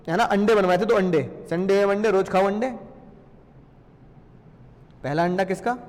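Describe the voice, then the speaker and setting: A man teaching a lively class in a playful way, often asking questions and answering them himself. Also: high-pitched, long reverb tail. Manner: playful, asks and answers his own questions.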